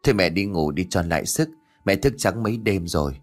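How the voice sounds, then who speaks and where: A man voicing a grown son who calmly reassures his mother, in an audiobook story. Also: fairly low pitch, a little fast, soft background music, close to an everyday voice. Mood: patient. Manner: calm, gently explaining. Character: adult son, patient and reassuring.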